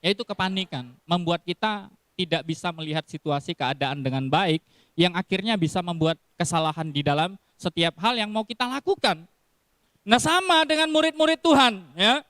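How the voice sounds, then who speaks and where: A man's voice: fairly high pitch, a little fast, a bit bright, clean tone, no room sound, clean studio sound. A man giving a casual sermon in style, telling stories with acted quotes and frequent laughs. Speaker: preacher.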